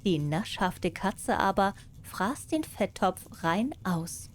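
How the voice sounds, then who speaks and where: Slow, warm woman telling fairy tales. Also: medium pitch, animated, a little hiss or hum. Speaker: storyteller, audiobook narrator. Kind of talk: scripted bedtime fairy tale narration.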